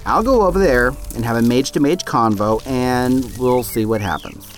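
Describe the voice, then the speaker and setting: A man's voice: medium pitch, lively intonation, normal speed, soft background music, lightly acted. A man playing a laid-back, bumbling father and would-be mage who jokes and hesitates a lot. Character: easygoing bumbling Nord dad mage.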